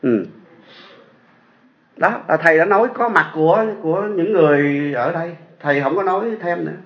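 High-voiced Southern Vietnamese monk preaching. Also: male voice, normal speed. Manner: chatty, asks the audience rhetorical questions. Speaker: Buddhist monk teacher. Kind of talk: storytelling sermon. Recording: echoey dull lo-fi sound.

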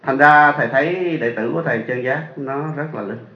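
A man's voice: mid-range voice, fairly quick, pushed and bright. A man with a Southern Vietnamese accent, a Buddhist monk telling a story in a sermon and putting rhetorical questions to his audience. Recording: echoey dull lo-fi sound.

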